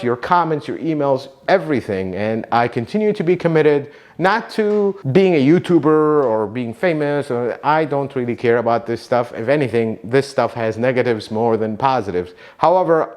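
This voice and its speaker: Warm and earnest, an Arabic-speaking man from Iraq thanks the people who watch his YouTube channel. He's a car mechanic by trade, and his voice swings lively in pitch as he expresses his heartfelt appreciation.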